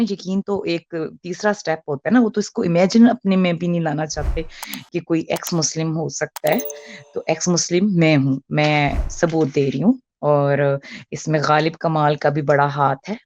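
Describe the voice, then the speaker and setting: Over a call line, a woman in her forties speaks earnestly in a low, slightly mellow voice, stumbling with frequent fillers and restarts. The recording is dry and lo-fi.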